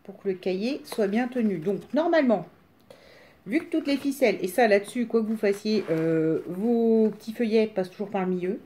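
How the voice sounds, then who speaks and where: A woman with a smoker's rasp chatting casually through a craft demonstration in a rambling, self-deprecating way. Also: medium pitch, moderate pace, mellow. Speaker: craft tutorial presenter.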